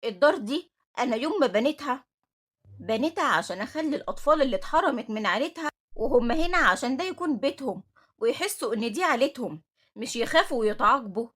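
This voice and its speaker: A woman's voice: fairly high pitch, expressive, quick pace, a bit bright, slightly rough. A woman with an Egyptian accent reading the part of a stern, motherly older woman who runs an orphanage, firm and scolding. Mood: angry.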